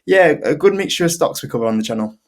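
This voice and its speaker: A man's voice: a little high, lively intonation, fast. A man from northern England with a Yorkshire accent, chatting informally as a guest in a casual interview. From Leeds, Yorkshire, UK. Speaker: investing video creator, guest.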